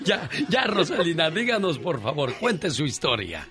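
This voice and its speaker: A man's voice: fairly high pitch, very animated, normal speed, crowd noise. A man hosting a call-in radio show, joking with his co-host and giving the caller earnest advice.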